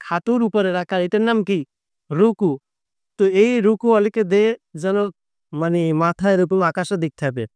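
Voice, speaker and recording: Male preacher, high resonant voice, explains step by step. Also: clear, resonant tone, dry recording. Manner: explains step by step, asks and answers his own questions. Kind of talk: instructional sermon on prayer.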